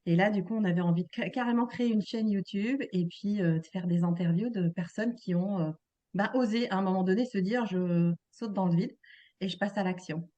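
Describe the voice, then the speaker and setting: A woman's voice: mid-range voice, fairly quick, dark tone, dry recording, dull audio. A woman hosting a casual interview, asking questions hesitantly with many fillers. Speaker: interview host.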